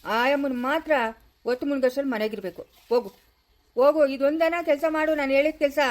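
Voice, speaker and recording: Old grandpa in a village drama, scolding and bossy, fast and high-voiced, played by a woman. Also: natural voice. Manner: scolding, then soothing. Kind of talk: family drama skit.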